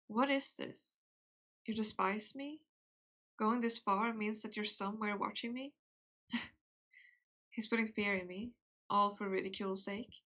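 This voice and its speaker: A young woman streaming, reading game text aloud in a slow, soft way and breaking off into giggly, casual asides. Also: medium pitch.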